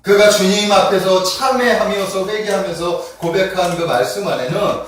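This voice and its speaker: A man's voice: high voice, moderate pace, fairly bright tone. A male pastor giving a conversational sermon and often checking in with the congregation. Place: church sanctuary. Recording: echoey church hall recorded from far off.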